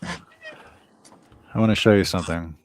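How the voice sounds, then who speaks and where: A man's voice: low voice, huge pitch swings, takes it slowly, slight background noise. A man hosting a casual political chat show, talking bluntly and repeating words as he starts his sentences. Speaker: show host.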